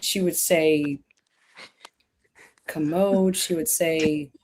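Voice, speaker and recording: Low-voiced woman hosting a chatty stream. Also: fairly even intonation, normal speed, darkish tone, slight background noise. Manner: rambling, with many restarts and fillers. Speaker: stream host. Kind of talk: casual chat on a live stream.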